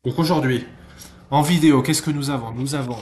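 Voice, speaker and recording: A man vlogging in casual chat who gets excitable, swears freely and thinks aloud as he goes. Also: on the high side, brisk, slight background noise. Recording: roomy echo.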